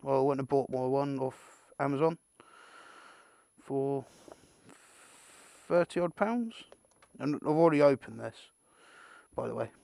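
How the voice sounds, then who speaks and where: In an off-the-cuff unboxing video, an amateur British creator rambles on, mutters to himself and occasionally swears mildly. He speaks a little slowly in a mid-range, dark-toned voice with vocal fry and long pauses.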